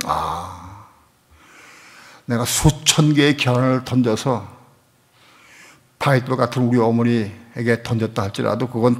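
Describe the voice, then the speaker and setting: A middle-aged male pastor delivers a sermon as a heartfelt personal story. He drops to a near hush, then builds to loud, emphatic repetition. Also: mid-range voice. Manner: emotional storytelling, swings from hushed to loud.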